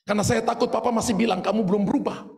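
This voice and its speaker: A man preaching a sermon with an Indonesian accent, his voice pitched high and edged with a gravelly fry. He tells his story animatedly, rising into shouts, and his words ring out with a long reverb through a large church hall. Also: steady tone, rapid-fire. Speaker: pastor.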